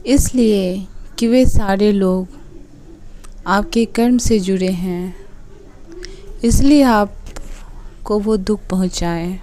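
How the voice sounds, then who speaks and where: In a warm, medium-pitched voice, a woman gives unhurried, soothing meditation instructions in brief phrases, pausing between each. The audio quality is poor.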